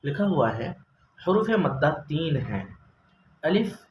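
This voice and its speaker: Speaking slowly and with great animation, a man with a fairly high voice teaches Quran reading in a recorded step-by-step lesson. He patiently poses questions, answers them himself, and stretches out example sounds. The sound is lo-fi, with room echo and faint background noise.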